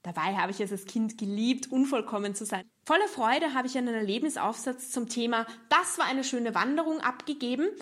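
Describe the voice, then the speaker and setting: A woman's voice: fairly high pitch, expressive, brisk, hardly any pauses, a bit bright. A woman with an Austrian German accent, performing a scripted cabaret monologue in a playful way. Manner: playful, acts out joke voices. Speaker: cabaret artist.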